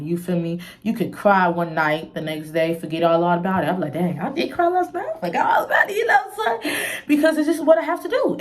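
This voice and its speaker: A young woman talking candidly to her viewers in a casual vlog. Her voice sits a little low, and she moves from soft, almost hushed reflection to lively laughing outbursts, tossing in "you feel me" as she goes. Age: young adult. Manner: candid, expressive, peppers talk with "you feel me"; swings between soft low musing and bright laughing outbursts. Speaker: vlogger. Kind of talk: casual personal vlog talk.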